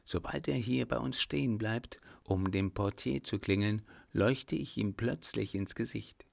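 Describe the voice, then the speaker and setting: A man voicing a cautious plotting baron in a spoken storybook, speaking low and conspiratorially. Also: unhurried, creaky.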